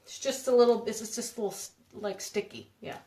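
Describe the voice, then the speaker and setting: A woman's voice: fairly high pitch, fairly quick, warm tone. Chatty woman crafting live in an echoey room. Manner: chatty, rambling, giggly, talks while working with her hands. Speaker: craft video host. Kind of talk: live-stream crafting demo, chatting with viewers.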